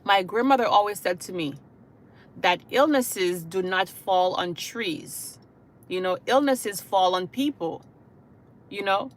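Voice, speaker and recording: Here a woman with a mid-range voice speaks at a slow pace. Originally from Haiti, she works in hospice care and runs a channel, and she talks earnestly to her livestream viewers, checking in with "okay?" and "you know" again and again.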